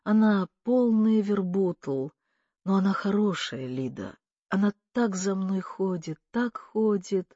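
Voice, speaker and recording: A reader voicing a weary, dying old man who speaks in a low, hushed murmur, in a dull lo-fi audiobook recording. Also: slow, no echo. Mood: soothing. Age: older. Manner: quiet, murmured.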